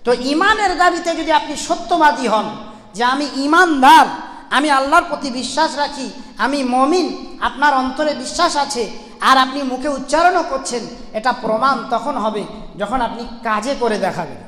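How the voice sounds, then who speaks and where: A man's voice: very high-pitched, normal speed, bright, forceful tone. A man preaching a Friday sermon in a mosque, emphatic, counting off points and repeating key phrases. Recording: echoey hall with long reverb.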